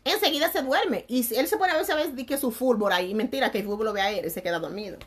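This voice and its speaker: A young woman chatting to her viewers, lively and laughing, with crude slang and sudden swings between loud and soft. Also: a little high, fast talker, breathy edge. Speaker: vlogger. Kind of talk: casual chat to viewers.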